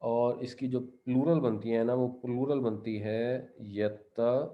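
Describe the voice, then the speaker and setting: Male Quran teacher at a mid pitch, explaining grammar step by step, a slightly muffled recording. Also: fairly even intonation, a little slow. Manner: explains grammar step by step, recites Arabic verses then translates. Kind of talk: Quran commentary lesson.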